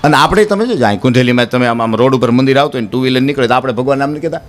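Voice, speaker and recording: A man telling folk stories and jokes on stage, animated and acting out characters. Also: medium pitch, rapid-fire. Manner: animated, acts out characters, addresses listeners as "sir". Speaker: folk storyteller and comedian. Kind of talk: Gujarati dayro storytelling to a live audience. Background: plucked string music.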